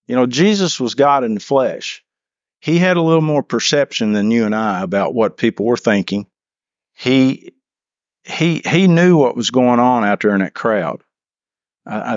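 A man's voice: medium pitch, no echo, dull audio. A man leading a church Bible class, reading scripture and then explaining it, often restarting and repeating words as he asks the class questions.

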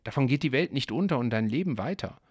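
A man reading aloud and voicing an earnest, dutiful young prince in his twenties who gently scolds his brother. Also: mid-range voice, lively intonation, fast, breathy edge, no room sound, studio quality. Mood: scolding.

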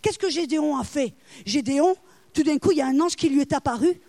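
A woman with a high voice preaches with lots of energy. She tells stories, slips into the voices of the people in them, and sometimes lets out a loud cry. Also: brisk, no echo. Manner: animated, acts out voices, cries out loud. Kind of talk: sermon with storytelling.

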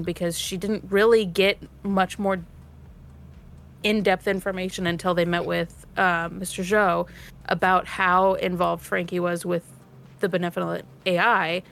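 A woman with a fairly low, fairly bright voice speaks in a cast discussion for an actual play series. She talks reflectively and thoughtfully, piecing her points together in long sentences.

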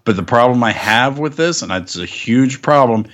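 A man's voice: medium pitch, expressive, moderate pace, a bit bright. A middle-aged man co-hosting a podcast, giving wry, opinionated takes in casual chat. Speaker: podcast co-host. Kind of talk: casual chat about wrestling.

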